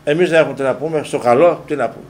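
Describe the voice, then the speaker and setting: A man from Greece hosts a local television sports talk show in a high-pitched voice. He rants with animated energy, throwing rhetorical questions at his audience in casual commentary. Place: local TV studio.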